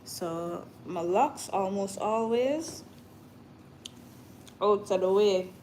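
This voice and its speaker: Speaking very slowly in a mellow, medium-pitched voice, a Jamaican-accented woman hosts a relaxed live chat with her viewers and slips into Patois now and then. Background noise comes through clearly.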